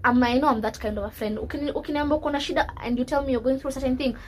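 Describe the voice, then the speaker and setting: Fast, high-voiced Kenyan woman. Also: fairly even intonation, a little hiss or hum. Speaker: podcast co-host. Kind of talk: casual chat, mixing English and Swahili slang.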